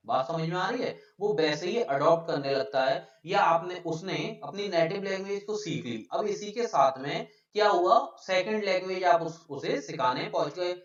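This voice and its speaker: Male teacher, live online lesson, checks understanding often; slightly high voice, far from the mic in a dull, echoey room. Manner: explains, then asks students if it is clear; reads out student names from chat.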